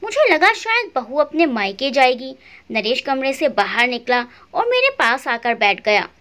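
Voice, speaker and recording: A woman's voice: sits high, sing-song, a little slow, sharp tone. Emotional woman telling a family story. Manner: emotional, plaintive. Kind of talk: scripted first-person story narration.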